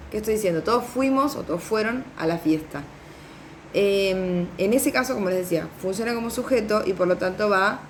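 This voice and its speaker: A woman teacher explains grammar patiently, pausing on fillers and often checking in with her listeners. Her voice sits at an ordinary middle pitch. A faint hiss runs under the recording. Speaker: Portuguese teacher.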